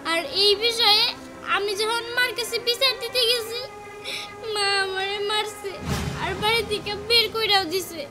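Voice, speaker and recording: A woman's voice: very high voice, a little slow, long pauses. A woman playing a young village girl, a wronged stepdaughter who complains and pleads. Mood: plaintive. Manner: plaintive, whiny, pleading. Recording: music playing under the voice.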